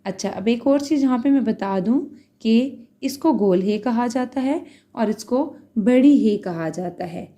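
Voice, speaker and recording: Slow, mellow-voiced woman teaching. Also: on the high side. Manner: spells out letters one by one, checks in with "theek hai". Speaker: Urdu teacher. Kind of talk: slow, patient beginner lesson.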